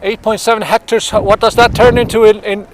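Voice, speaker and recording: A man's voice: high-pitched, flat delivery, a little fast, noisy background. A man giving a live-streamed walking tour. He is sniffly from the cold and talks in a chatty way, greeting viewers by name and searching for words. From Iceland. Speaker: tour guide. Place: outdoors by a city pond in winter wind.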